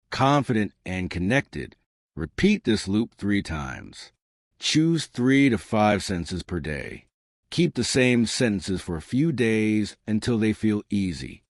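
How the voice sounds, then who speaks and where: A man giving scripted English lessons in short, emphatic, measured phrases. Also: on the low side, no echo, clean studio sound. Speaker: English pronunciation teacher. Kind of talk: scripted instructional narration.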